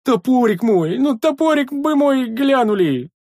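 A man voicing a young male sentry in an audiobook, wailing in a high, strained voice. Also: sing-song, a little slow, a little mellow, no echo, studio quality, exaggerated voice. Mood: pleading. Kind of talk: audiobook character voice.

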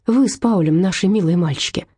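A woman's voice: on the low side, a little fast, dark tone, husky, no room sound, studio quality. A woman reading as an anxious, loving mother. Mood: tender. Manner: tender and pleading.

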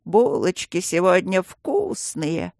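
A reader voicing a sly, gruff stone guardian who growls and coaxes by turns. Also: medium pitch, expressive, a little slow, dry recording, studio quality. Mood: coaxing. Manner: growling, fussy, coaxing.

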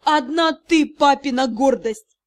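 A woman voicing a brash, cheeky male dragon in an audiobook, loud, teasing and mock-innocent. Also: high voice, slow pace.

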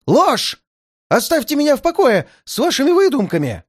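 A reader voicing a hot-tempered, frightened male hotel guest who shouts indignantly in a high, strained voice, in a storybook reading. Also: very animated, normal speed, no echo, clean studio sound, close to an everyday voice.

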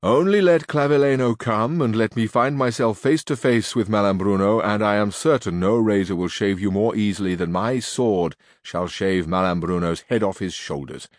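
A man's voice: lowish voice, moderate pace, hardly any pauses, no echo, studio quality, lightly acted. A man reading aloud and voicing a grandiose old knight speaking in lofty, solemn terms.

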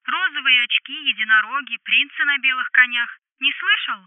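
A sharp-tongued adult woman scolds over the phone, as the narrator puts her on, her voice pushed high and squeezed through a tinny telephone filter. The sound is close and dry, with no room around it. Her lines come out blunt and bossy, straight from an audiobook. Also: normal speed, no room sound. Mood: angry. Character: brash grown woman, blunt ex-lover on the phone. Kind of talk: audiobook dialogue.

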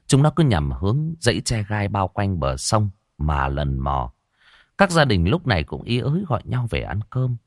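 A man narrating a horror story in a dramatic, expressive way. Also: fairly low pitch, no echo, studio quality.

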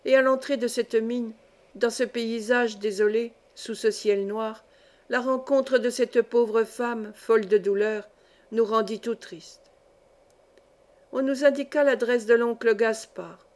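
Female audiobook narrator, measured storytelling, slightly high voice. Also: steady tone, a little mellow. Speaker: audiobook reader. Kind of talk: scripted narration.

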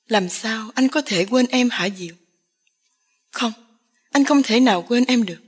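A woman voicing a poor young village man, agitated and despairing, in a breathy voice. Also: fairly high pitch, measured pace. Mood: anguished.

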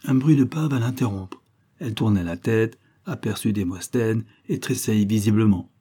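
A man reading a nineteenth-century short story aloud in a measured, even narration. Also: fairly low pitch. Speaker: audiobook reader. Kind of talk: literary narration.

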